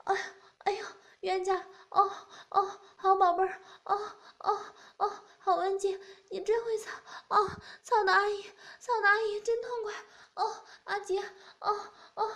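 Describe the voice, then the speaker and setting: A lustful middle-aged woman in an erotic audio story, voiced in a breathy, soaring pitch with loud, cried-out phrases, as a female reader puts her on. Her voice rises far above a woman's usual range and stays there. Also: little pitch movement, moderate pace, hardly any pauses. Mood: passionate moaning. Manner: breathy, high, cries out repeatedly. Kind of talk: erotic audiobook role-play.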